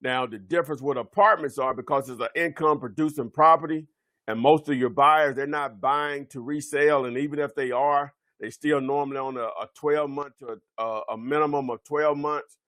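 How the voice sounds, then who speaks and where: A man's voice: medium pitch, steady tone, moderate pace, fairly bright tone, no room sound. Man, webinar presenter, medium voice, dry close mic, rambling off-the-cuff delivery. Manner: rambling, many fillers and self-corrections. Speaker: real estate webinar presenter. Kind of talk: unscripted instructional webinar talk.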